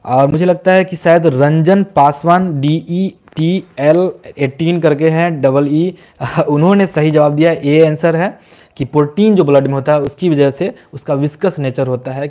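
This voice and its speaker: A man's voice: mid-range voice, warm tone. A young man hosting a casual live-stream Q&A, coaching exam candidates in a chatty way, reading out viewers' comments and answering them, often mixing English phrases into his speech.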